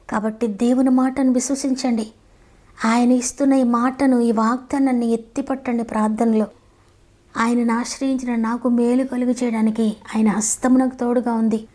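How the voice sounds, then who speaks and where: A woman's voice: fairly high pitch, dark tone. A woman giving an earnest devotional sermon and prayer, with pleading, repetitive appeals. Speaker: preacher.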